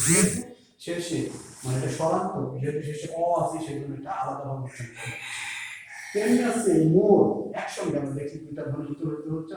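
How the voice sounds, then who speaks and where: Bangladeshi teacher in an echoey room. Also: male voice, fairly high pitch, darkish tone, a little hiss or hum. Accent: Bangladeshi Bengali. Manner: patient, counts syllables aloud slowly. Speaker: school teacher. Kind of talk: classroom lesson on poetry meter. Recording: echoey room, voice a bit far from the mic.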